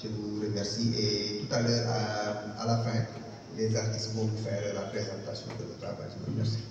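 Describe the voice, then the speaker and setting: Man giving a halting speech in an echoey hall. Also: on the low side, completely flat delivery. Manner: halting, with many fillers and restarts. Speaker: exhibition curator giving a speech. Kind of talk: formal thank-you speech. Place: large hall at an art gallery. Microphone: far camera. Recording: echoey hall from far off, dull, noisy.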